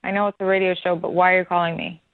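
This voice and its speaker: A woman's voice: on the low side, little pitch movement, racing, crowd noise. A woman answering an unexpected call, wary and puzzled, frank about a bad date. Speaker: person called on the phone. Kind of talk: phone conversation. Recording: tinny phone line.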